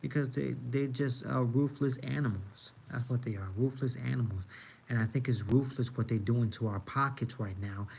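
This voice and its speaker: The audio is rough, with a little hiss or hum, as a New York City live streamer with an American accent rants casually and emphatically, repeating himself for effect. His voice is medium-pitched and darkish, at a normal speed, with vocal fry.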